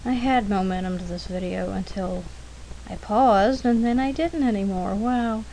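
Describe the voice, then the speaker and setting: Over steady background noise on a rough recording, a woman speaks at a medium pitch and normal speed. She is an artist narrating her own drawing demo, chatty, rambling and self-deprecating as she thinks aloud.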